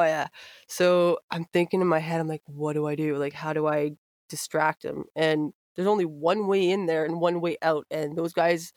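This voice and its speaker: A woman's voice: fairly low pitch, no room sound, studio quality. A young woman hosting a podcast, telling a wild anecdote with lots of swearing and laughter. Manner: profane, laughing, animated anecdotes. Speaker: podcast host. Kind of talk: casual storytelling chat.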